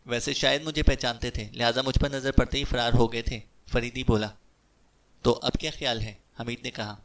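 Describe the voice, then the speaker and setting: A man's voice: mid-range voice, flat delivery, a bit bright, recorded from a distance, slight background noise. A man narrating an audiobook of a detective novel, giving the characters' lines with light changes of voice.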